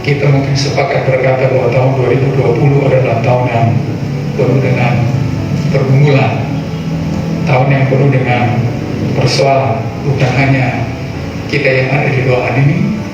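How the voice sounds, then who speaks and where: A man's voice: mid-range voice, steady tone, moderate pace, long pauses, highs cut off. Masked male preacher in echoing room. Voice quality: speaking through a face mask. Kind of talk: sermon with scripture reading. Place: large indoor room with congregation. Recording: very echoey room, distant mic, noisy.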